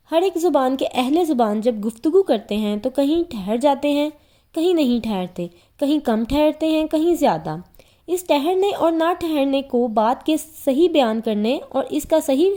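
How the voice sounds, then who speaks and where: A woman with a high voice and a Pakistani Urdu accent teaches a religious lesson on reading the Quran. She talks patiently and goes over each point again in simpler words, like a classroom teacher. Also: dark tone.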